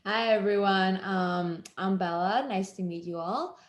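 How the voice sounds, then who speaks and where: A woman from Thailand, a podcast co-host, introducing herself softly and unhurriedly with pauses. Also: mid-range voice. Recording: echoey, off-mic room sound.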